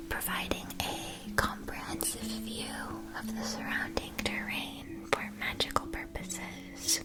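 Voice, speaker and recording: Playing a courteous, attentive shopkeeper at a school for witches, a woman whispers through an ASMR roleplay, her explanations careful and deliberate. The performance is only lightly acted.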